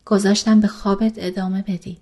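A woman reading the lines of a calm, gentle male doctor in love, in a soft and reassuring manner, for an audiobook. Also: mid-range voice, natural voice.

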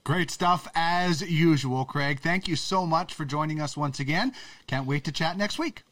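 A man's voice: fairly high pitch, lively intonation, moderate pace, fairly bright tone. A male podcast host chatting with his guest, friendly, with hesitant starts. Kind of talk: podcast chat.

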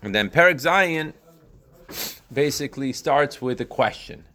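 Male teacher, informal religious lesson, line-by-line explanation, frequent rephrasing, checking questions, mid-pitched voice. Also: lively intonation, a little slow, pushed and bright. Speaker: Torah teacher.

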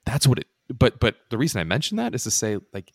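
A man's voice: medium pitch, big pitch swings, fast, vocal fry, no echo, clean studio sound. A man chatting casually and emphatically, often checking that his listener follows as he explains his point. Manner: emphatic, checking in with "right?" and "you know". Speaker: podcast co-host with software background. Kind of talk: casual conversational talk.

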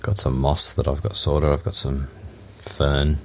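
A man's voice: very deep voice, monotone, unhurried. An Australian man co-hosting a podcast, talking about his projects in an easygoing, plain-spoken casual chat over a remote call. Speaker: podcast co-host.

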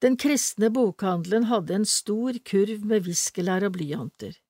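A woman reads a story aloud in a calm, measured way. Her voice sits at a middle pitch. The recording is close and dry. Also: no echo. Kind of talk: storybook reading.

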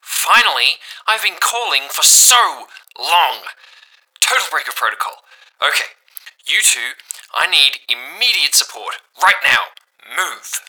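Man voicing an urgent, bossy woman, pitched up. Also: sing-song, measured pace, heavily acted, rough recording. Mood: exasperated, urgent. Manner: sharp, urgent commands. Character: urgent, bossy woman in danger, calling over a walkie-talkie.

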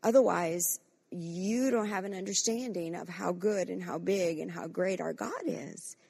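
A woman's voice: fairly low pitch, a little slow, creaky, darkish tone, husky. A woman pastor preaching a fervent sermon and leading corporate prayer, acting out quoted voices with frequent restarts.

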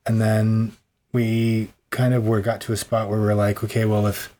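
A man with a somewhat low voice talks through ideas in a loose, rambling way. He jokes and laughs easily as he chats on a podcast. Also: little pitch movement, unhurried, mellow. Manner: jokey, rambling, laughs often. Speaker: podcast co-host. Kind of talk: casual conversational chat.

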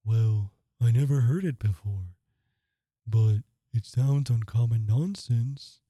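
A reader voicing a sorrowful old mock turtle in a storybook reading, speaking and singing in a slow, mournful, drawn-out way. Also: medium pitch, warm tone, husky, no room sound. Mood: gloomy.

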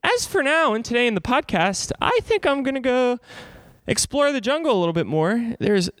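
A man's voice: extremely high pitch, sing-song, moderate pace, fairly bright tone, dry recording, studio quality. A man hosting a podcast, telling travel stories in a chatty, informal, explanatory way. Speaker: podcast host. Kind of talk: casual first-person travel storytelling. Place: inside an abandoned church.

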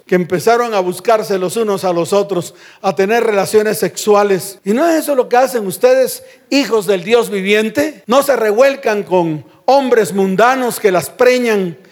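A male pastor delivers an emphatic sermon in a notably high voice. He fires rhetorical questions at his listeners and sinks to a lower register to hammer key words. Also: a little mellow.

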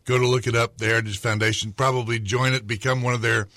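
Bright-voiced upbeat radio man. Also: medium pitch, level tone, quick pace, dry recording. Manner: upbeat and promotional. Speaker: radio co-host. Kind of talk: casual radio chat. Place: radio studio. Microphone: studio microphone.

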